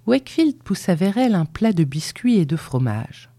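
A woman reading a novel aloud as a narrator, in an unhurried and expressive storytelling manner. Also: on the low side, no room sound. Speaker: audiobook reader.

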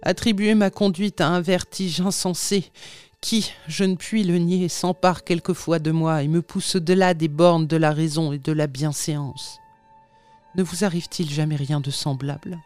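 A haunted little man, young one moment and old the next, pleads in mournful, sighing tones, as the reader of an audiobook puts him on. His voice sits at an ordinary middle pitch. Soft music plays faintly behind him. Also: steady tone, normal speed, clean tone, lightly acted. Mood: apologetic. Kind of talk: audiobook reading of a classic tale.

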